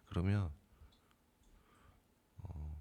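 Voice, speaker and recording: A middle-aged man with a very low, gravelly voice talks straight to his viewers in an easy, unscripted way. He stops and restarts often and fills gaps with small sounds. Now and then he briefly acts out scolding a computer program. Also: fairly even intonation, drawn-out words, dark tone. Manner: informal, hesitant with fillers, acts out arguing with the AI. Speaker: crypto trading bot channel host. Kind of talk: casual spoken explanation to viewers.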